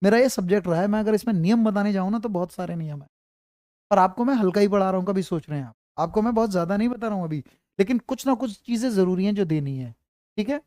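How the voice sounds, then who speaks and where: A high-pitched, mellow-sounding man lectures quickly in an online grammar class. He goes back over points, keeps checking comprehension, and reassures students with the word "beta." Studio-quality audio, no room sound.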